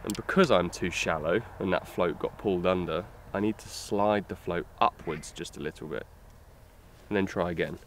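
A young man giving a lakeside fishing tutorial, explaining steps in a relaxed way with fillers as he handles his gear. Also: deep voice, moderate pace. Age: young adult. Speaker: fishing instructor. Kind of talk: outdoor tutorial demonstration. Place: lakeside outdoors. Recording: faint outdoor noise.

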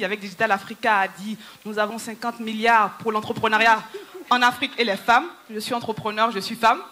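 This entrepreneur and speaker, a woman in her thirties with Yoruba as her first language, rallies a conference audience from the stage of a large hall using a handheld mic. She speaks to them directly and persuasively, her tone bright, forceful and a little high.

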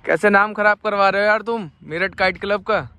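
A young man vlogging casually outdoors in an open field, calling out excitedly and laughing as he talks to people around him. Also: high voice, brisk, clean tone. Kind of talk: casual outdoor vlog commentary.

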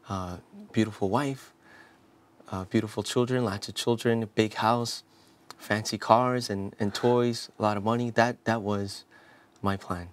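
Recorded on a lapel mic in a studio interview, this priest guest, a man in his thirties from South Korea, recounts his life story. His fairly low-pitched voice is earnest, and he keeps restarting and saying "you know."

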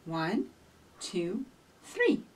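Reading to little ones at storytime, this middle-aged librarian speaks to the children directly and warmly. Her medium-pitched voice swoops wildly, stretching out words with a slightly rough edge. A distant room mic captures her in a small shelved office.

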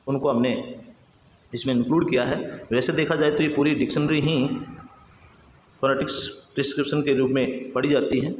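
A man teaching English pronunciation, explaining patiently and spelling words out letter by letter. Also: medium pitch. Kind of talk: explanatory lesson. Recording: echoey room with faint background noise.

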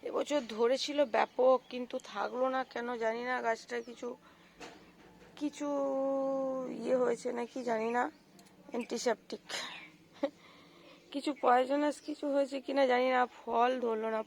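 A woman with a cold, hoarse and gravelly, chatting to viewers as she walks around her rooftop garden and points out her plants. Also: on the high side, fairly even intonation, moderate pace, pauses often, darkish tone, slight background noise. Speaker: gardening vlogger. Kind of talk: casual walk-through vlog.

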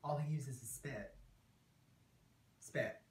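Man acting a slow, sorrowful, wounded angry teenager, roomy echo. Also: medium pitch, close to an everyday voice. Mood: bitter, sorrowful. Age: young adult. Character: wounded, angry abused teenager recounting trauma. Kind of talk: dramatic monologue acting. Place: small indoor room against a plain wall. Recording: roomy echo, recorded at a distance.

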